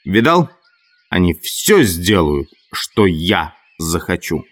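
A man's voice: mid-range voice, big pitch swings, slow pace, full character voice. A man voicing a harsh, bossy boy who leads a tribe and barks commands. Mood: gloating. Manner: shouted commands.

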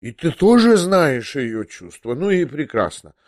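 A man reading an audiobook, voicing a frail, frightened old prince who pleads in a slow, trembling voice and slips into French. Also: a little high, very animated, dry recording, clean studio sound. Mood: overjoyed. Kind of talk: audiobook character voice.

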